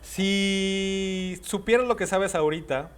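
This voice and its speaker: A male podcast host with a slightly high-pitched voice. He asks his guest questions in a relaxed, chatty way. He keeps turning to address his listeners directly. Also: takes it slowly, clean tone. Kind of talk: casual interview.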